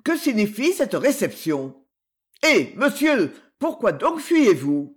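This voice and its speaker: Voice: medium pitch, sing-song. A reader putting on a haughty indignant nobleman. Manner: haughty, quick to outrage. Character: proud indignant nobleman, adult man. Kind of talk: audiobook character voice.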